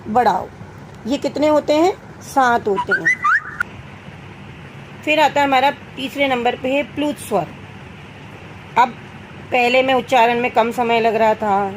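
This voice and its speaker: Young female teacher, high pitch, patient question-and-answer style with children, faint background noise. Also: rough recording. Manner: asks students questions and answers them herself; addresses students as "beta". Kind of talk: Hindi grammar lesson for children.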